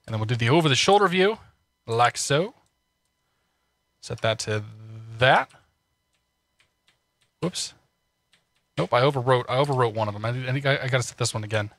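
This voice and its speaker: At a moderate pace with frequent pauses, a man chats with viewers during his flight sim stream, his medium-pitched voice a bit bright and slightly congested. He restarts often and laughs a lot, recorded dry.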